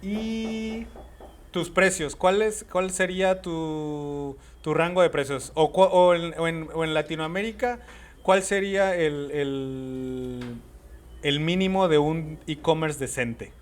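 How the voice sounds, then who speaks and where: A man's voice: fairly high pitch, slow pace. A man hosting a podcast interview, asking questions casually and often turning to speak to the listeners directly. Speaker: podcast host.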